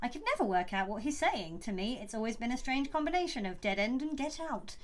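Woman, slightly high voice, enthusiastic, casual podcast chat, close mic. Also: sing-song, fairly quick. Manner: enthusiastic, gushing, with restarts. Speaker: podcast co-host. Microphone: close podcast microphone.

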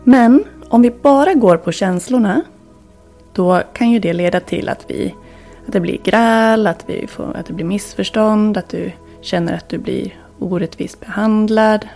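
A woman hosting a wellness podcast, talking in a calm, reflective, instructive way that sometimes drops to near-whispers. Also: medium pitch, creaky, soft background music. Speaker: podcast host and wellness coach.

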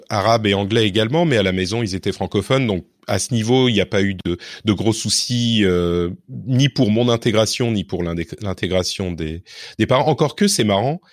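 Low-voiced man musing in a dry recording. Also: lively intonation, a little fast, no echo. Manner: reflective and digressive, self-correcting. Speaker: interview guest. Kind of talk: relaxed personal interview.

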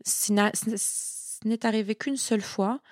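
A woman speaking as a sports nutritionist guest in a casual interview. She is chatty and lively and often repeats words while she thinks. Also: medium pitch, a little slow, no echo, studio quality. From Italian heritage.

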